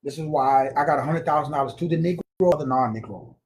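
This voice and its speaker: A man's voice: a little high, fast talker, a little hiss or hum. A man giving an informal spiritual lecture, slangy and emphatic, repeating words for stress. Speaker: spiritual teacher.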